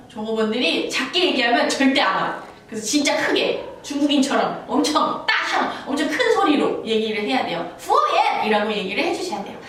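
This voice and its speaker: Lively woman teaching phrases, bit high, voice bouncing around, roomy far-off sound w/ faint hum. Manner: chatty, playful, acts out little scenes with laughs. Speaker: Chinese language teacher. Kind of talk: casual language lesson. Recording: roomy, from a distance, faint background noise.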